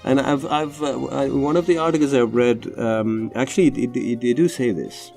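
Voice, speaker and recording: A man whose first language is Tamil hosts a film analysis podcast, giving casual, unscripted movie commentary full of fillers and restarts. His mid-range voice is steady, gravelly and darkish, at normal speed. It's a home recording over drawings, with faint music behind him.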